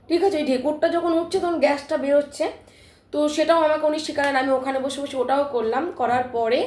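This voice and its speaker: High-voiced woman, roomy live stream. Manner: rambling, animated retelling with many restarts. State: throat still sore. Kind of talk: casual live-stream storytelling. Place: office. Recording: roomy echo.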